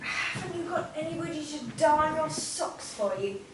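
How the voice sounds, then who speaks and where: A woman's voice: high-pitched, lively intonation, moderate pace. A teenage girl acting a cranky older lady passenger who scolds indignantly in a school play. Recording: echoey school stage from far off, loud hiss.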